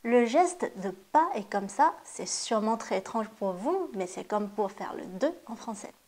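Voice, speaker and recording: A woman's voice: mid-range voice, expressive, a little mellow. A woman teaching a language lesson, carefully modeling sounds and explaining them step by step. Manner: slow, careful modeling of pronunciation. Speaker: Chinese teacher. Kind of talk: classroom lesson.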